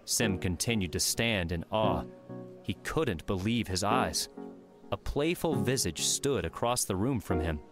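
Man, audiobook narration, steady, low pitch, music bed. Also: a little slow. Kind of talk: scripted narration.

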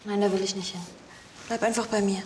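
A woman's voice: mid-range voice, steady tone, a little fast, background noise, close to an everyday voice. A young actress playing a frightened, stubborn pregnant woman in a TV drama. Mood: pleading, soft. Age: young adult. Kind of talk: TV drama acting.

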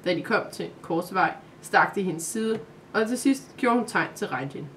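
Calm woman reading a story aloud. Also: medium pitch, slight background noise.

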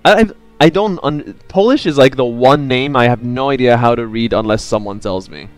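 A man's voice: mid-range voice, normal speed, faint music behind. A man in his thirties giving casual, playful live gameplay commentary, thinking aloud as he streams. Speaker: video game streamer.

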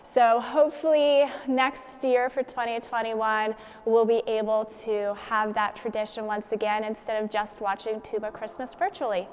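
A woman's voice: fairly high pitch, little pitch movement, normal speed, hardly any pauses, clean tone. A young woman, a business manager, giving a chatty holiday greeting with some fillers in a large indoor hall on a lapel mic. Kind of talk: casual holiday greeting to camera. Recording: reverberant hall.

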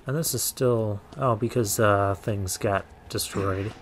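A man's voice: lowish voice, slow pace, slight background noise. A man giving casual let's play commentary on a video game, thinking aloud with muttered asides as he goes. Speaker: gaming let's play host.

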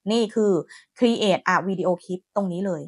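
A woman hosting a software tutorial, chatty and friendly, talking her viewers through each step. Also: mid-range voice, takes it slowly, no echo, clean studio sound. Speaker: AI tutorial host. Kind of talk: screen-recorded software tutorial.

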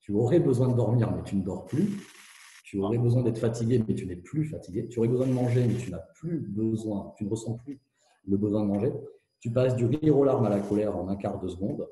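A man speaking candidly as an interview guest, with fast, tumbling speech full of hesitations and restarts, heard through a hands-free kit. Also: on the low side, mellow. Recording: echoey, muffled hands-free phone sound.

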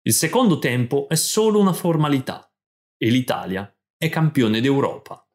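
A man reading scripted narration for language learners, telling a story in short, clear sentences. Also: mid-range voice, big pitch swings, moderate pace, a little hiss or hum. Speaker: podcast host and language teacher.

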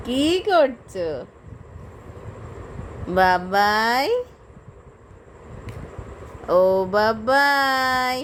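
A young woman at home talking baby talk to her infant, coaxing him with drawn-out, sing-song questions. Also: high voice, fairly bright tone. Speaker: mother filming her baby. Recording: noisy home phone recording.

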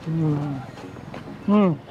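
Male food vlogger, slightly high voice, mouth full, enthusiastic murmurs. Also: very slow, lo-fi sound, slight background noise. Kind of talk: casual food tasting commentary. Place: outdoor market.

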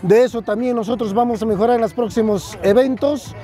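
A man's voice: very high voice, fairly even intonation, fairly quick, mellow, faint music behind. A man, a municipal official at an outdoor fair giving an earnest press interview, listing items and adding tag questions. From southern Peru.

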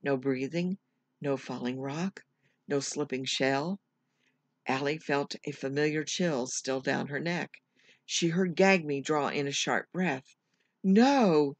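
A teacher reading a children's chapter book aloud at home, measured and careful, now and then correcting a slipped word. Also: medium pitch, no echo. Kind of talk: storybook read-aloud.

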